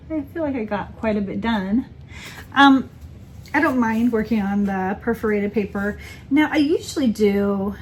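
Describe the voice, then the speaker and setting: A woman's voice: a little high, slight background noise. A woman in casual chat as a crafting vlogger, rambling and correcting herself with many ums. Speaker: cross-stitch vlogger.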